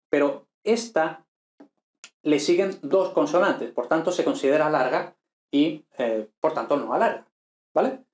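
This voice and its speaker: Male teacher, slightly high voice, patient and repetitive explainer, echoey room. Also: darkish tone. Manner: patient, repeats points with frequent "¿vale?" and "¿no?". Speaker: ancient Greek teacher. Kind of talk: explanatory online lesson.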